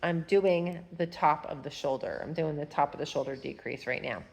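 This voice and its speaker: Low-pitched and creaky with a darkish tone, this woman speaks at a moderate pace, her nose stuffy. At home she shows her knitting in a casual tutorial chat, a chatty, rambling fiber arts vlogger who hums while she works.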